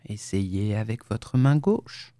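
A woman reading the lines of a calm, clinical male surgeon with quiet menace in an audiobook. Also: sits low, unhurried, dry recording. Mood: quiet control. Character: cold scheming male surgeon, middle-aged.

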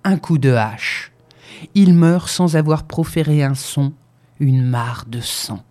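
A woman narrating a story in an expressive, dramatic storybook reading. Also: sits low, slow.

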